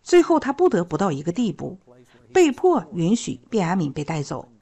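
A woman's voice: lowish voice, very animated, normal speed, mellow. A woman teaching a Bible story, retelling the scripture in plain storytelling.

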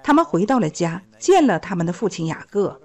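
A woman's voice: on the low side, big pitch swings, fairly quick, a little mellow. A woman teaching a Bible story, retelling the scripture in plain storytelling.

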